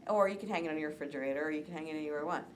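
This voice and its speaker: A woman librarian leading a children's story time, talking to small kids in an animated, sing-song way. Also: sits low, racing, a little hiss or hum.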